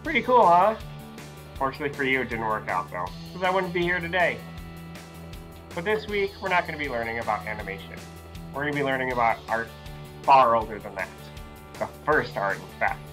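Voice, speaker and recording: Talking fairly quickly in a medium-pitched, fairly bright voice with big pitch swings, an art teacher in his thirties leads an energetic online class for young children from an indoor virtual classroom backdrop. Faint music can be heard behind him.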